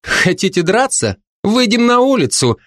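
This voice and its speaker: A man's voice: fairly high pitch, lively intonation, normal speed, dry recording, studio quality, lightly acted. A man voicing an earnest young male bard apprentice who speaks firmly.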